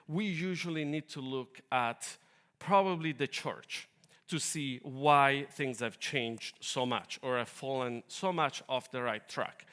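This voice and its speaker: An Italian-accented man preaching a sermon, his voice at an ordinary middle pitch. He explains earnestly, with a touch of self-deprecating humor. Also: fairly bright tone. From Italy.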